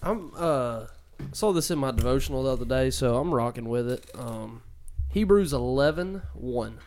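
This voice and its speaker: A man's voice: mid-range voice, expressive, moderate pace, a little mellow, slight background noise. A young man co-hosting a casual podcast, teasing his friends and laughing easily. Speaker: podcast co-host.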